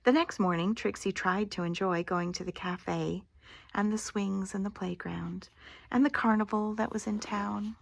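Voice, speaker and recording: With a grandmotherly warmth, an older woman reads a children's picture book aloud, taking her time and giving lines dramatic emphasis before letting phrases trail off into a hush. Her mid-range voice stays steady, touched by vocal fry, and there's no echo in the recording.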